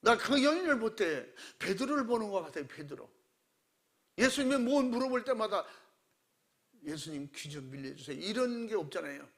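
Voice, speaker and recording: A man pastor preaching a sermon, animated and acting out quoted voices with shouts. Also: extremely high pitch, a little fast.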